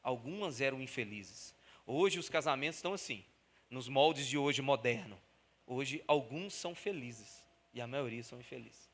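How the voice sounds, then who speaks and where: A man preaching a sermon as pastor, animated, repeating phrases for emphasis and acting out everyday scenes. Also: medium pitch, moderate pace. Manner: animated, acts out everyday scenes in quoted voices.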